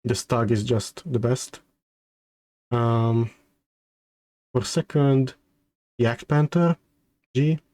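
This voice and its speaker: A man streamer chatting casually on a livestream, halting and hesitant, often repeating his words. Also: medium pitch, dark tone, no echo. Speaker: streamer hosting a debut stream.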